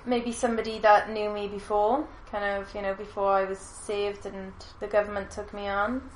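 A woman's voice: mid-range voice, level tone, moderate pace, a little hiss or hum. A chatty woman talks through ideas with her co-hosts and laughs easily. Her voice sits mid-range, and the recording carries a roomy echo. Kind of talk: casual chat. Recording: echoey room.

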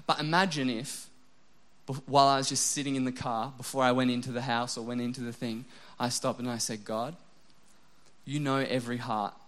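A young adult man preaching a sermon, animated and self-deprecating, dropping to a soft, low voice when he voices prayers. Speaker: pastor.

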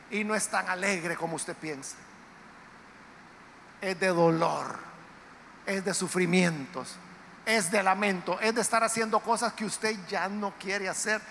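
A man preaching in an emphatic, dramatic style, his very high voice cutting through with a sharp, bright edge. His delivery swings into sudden loud outbursts. The recording carries a long church-hall reverb over faint background noise. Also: vocal fry. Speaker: pastor. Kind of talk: sermon. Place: church sanctuary.

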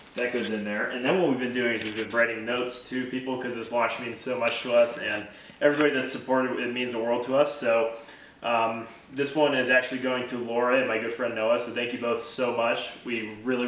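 A man's voice: mid-range voice, little pitch movement, fairly bright tone. A man walking through how he packs orders step by step, casual and thankful, recorded a bit away from the mic in an echoey room with faint noise. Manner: slow, step-by-step explaining, thankful. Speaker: small business owner showing order packing. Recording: roomy echo, a bit distant, faint noise.

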